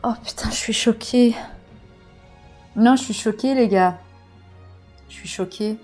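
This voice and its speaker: A woman reading through a comic and reacting out loud, excitable and swearing often, with many fillers. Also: a little high, unhurried, soft background music. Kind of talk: casual live reaction reading.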